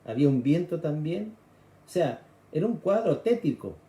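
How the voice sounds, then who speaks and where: Chilean man preaching, dark echoey voice. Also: a little high, very animated, normal speed. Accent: Chilean Spanish. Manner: explains scripture conversationally, acts out cries. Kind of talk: sermon.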